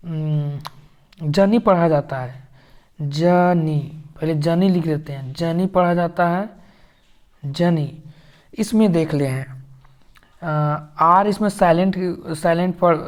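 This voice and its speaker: Slow guy teaching phonics, says each word over and over. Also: a little high, darkish tone. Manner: slow, repetitive, drawn-out word sounding. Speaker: English teacher. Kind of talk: phonics lesson.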